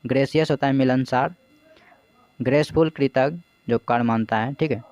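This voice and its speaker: A man's voice: medium pitch, normal speed, darkish tone, dry recording. A man teaching as an exam coach, explaining English vocabulary in Hindi, asking his own questions, answering them, and spelling words out letter by letter.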